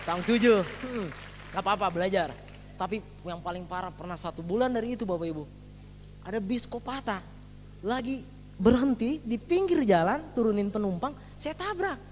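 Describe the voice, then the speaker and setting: A man with a very high voice gives a motivational testimony to a seminar audience. He tells his story in an animated way, full of exclamations, and keeps speaking straight to the crowd. His voice rings with long reverb in a large hall over faint background noise. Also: normal speed. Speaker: network marketing member giving a testimony.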